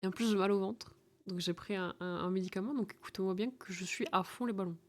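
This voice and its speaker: A woman's voice: medium pitch, quick pace, darkish tone. Tired, playful woman streamer. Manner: playful, chatty, teasing. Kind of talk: casual live-stream game chat.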